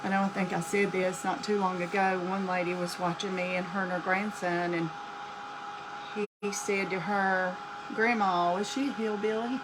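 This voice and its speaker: A woman's voice: fairly low pitch, level tone, normal speed, background noise. A woman with a North Carolina Southern accent, hosting a live-streamed craft demonstration from her craft table and chatting folksily with viewers by name as she works. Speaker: craft host.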